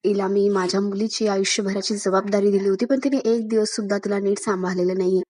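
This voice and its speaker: A woman's voice: mid-range voice, little pitch movement, fast, a little mellow, lightly acted. A woman voicing a harsh middle-aged mother who scolds her daughter. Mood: scolding.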